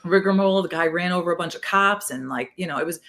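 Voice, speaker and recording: A middle-aged woman with a New York accent, a retired police detective telling animated stories in a casual interview, with a lot of "like". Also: fairly low pitch. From South Queens, New York City. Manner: animated, fast, peppered with "like".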